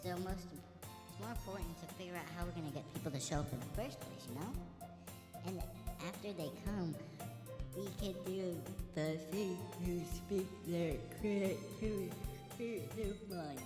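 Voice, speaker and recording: A man's voice: sits high, unhurried, pitched above the performer's own voice. A man reading visual novel dialogue and narration aloud, with his voice run through a female voice changer filter. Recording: roomy echo with game music behind.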